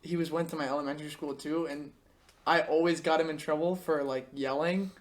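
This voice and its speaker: A young man hosting a casual podcast, telling animated stories with laughter and quick impressions. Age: young adult. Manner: animated storyteller, breaks into laughter and high-pitched impressions. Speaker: podcast host. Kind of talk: casual chat.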